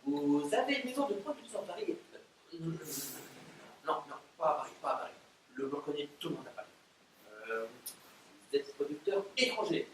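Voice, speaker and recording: An actor with a slightly high, expressive voice plays an exasperated, scheming, haughty man in a stage play, speaking briskly with frequent pauses in a scheming mood. He comes across as impatient and condescending. The audio is picked up from far off in a very roomy theatre, with faint noise.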